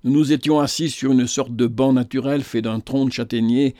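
A man reading a literary novel aloud in the first person, in a measured, unhurried manner. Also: mid-range voice, fairly even intonation, mellow, no room sound, clean studio sound. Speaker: narrator.

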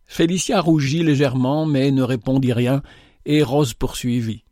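A man narrating a novel in a measured, expressive audiobook reading. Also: mid-range voice, no echo, studio quality.

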